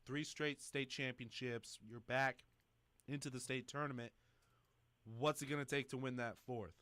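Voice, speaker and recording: A man hosting a high school sports talk show, chatty and joking with fillers. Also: fairly even intonation, normal speed, fairly bright tone, clean tone, no echo. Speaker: sports radio host.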